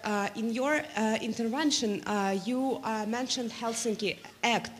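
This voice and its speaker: Halting woman from Georgia asking a question. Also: on the high side, slight background noise. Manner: halting, many hesitations, formal phrasing. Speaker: audience member asking a question.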